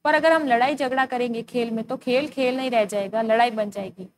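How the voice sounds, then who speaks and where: A woman's voice: on the high side, fairly quick, a little hiss or hum. A young woman teacher with an Indian accent, reading a school story aloud and explaining each hard word to young children. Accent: Indian Hindi.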